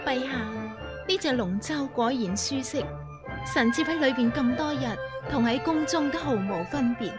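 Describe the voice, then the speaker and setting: A refined empress in an educational history drama, speaking with formal courtly grace. Her voice sits high, and music plays clearly underneath. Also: animated, moderate pace. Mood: gracious. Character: refined imperial empress, pleased and gracious.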